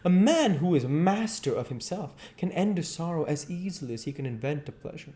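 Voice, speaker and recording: Guy doing a spoiled young gentleman, way up high, haughty and flippant, old novel vibe. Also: big pitch swings, fairly quick. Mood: indignant. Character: vain, callous young aristocratic aesthete, bored and petulant.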